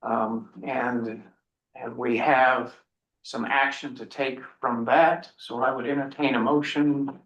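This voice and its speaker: A man's voice: mid-range voice, steady tone, slow, a bit bright, muffled recording. A man chairing a town meeting, firm and procedural as he runs through motions and keeps order. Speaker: selectboard chair. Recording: echoey meeting room.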